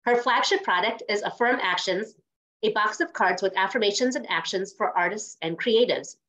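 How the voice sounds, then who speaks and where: A woman's voice: mid-range voice, normal speed, fairly bright tone. A woman podcast host who reads a guest introduction and asks encouraging questions over a video call. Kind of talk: reading an intro, then interviewing. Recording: dull lo-fi video call audio.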